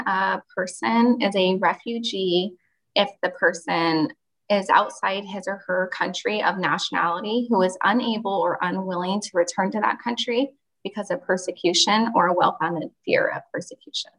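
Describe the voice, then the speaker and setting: Woman, podcast guest, gravelly fry in the voice, steady explaining tone. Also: mid-range voice, moderate pace, poor audio. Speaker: refugee mentoring program worker. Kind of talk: podcast guest, casual talk.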